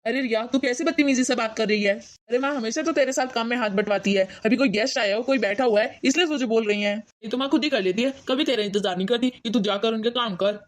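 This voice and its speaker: A woman's voice: fairly high pitch, fast talker, few pauses, lightly acted. A woman voicing a patient young husband in a cartoon story, reasoning and pleading.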